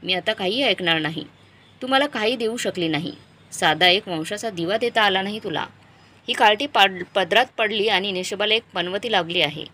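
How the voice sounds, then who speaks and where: A woman voicing an angry, scornful middle-aged husband who shouts at his wife and daughter. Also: mid-range voice, normal speed.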